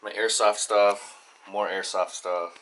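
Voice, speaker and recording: A father hosting a family video channel, casually showing off his home studio in a halting, rambling way with lots of fillers and restarts. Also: on the low side, little pitch movement, a bit bright, slight background noise. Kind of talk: casual studio tour vlog.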